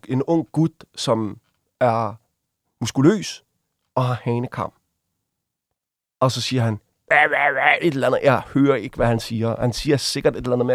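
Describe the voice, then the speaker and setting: A man speaks as a guest in a casual interview, recounting events with halting restarts and fillers. He slips into acted voices when quoting others, which keeps the telling lively. His voice sits at a middle pitch in a dry, close recording. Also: dry recording. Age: adult. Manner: vivid, acts out quoted voices while retelling.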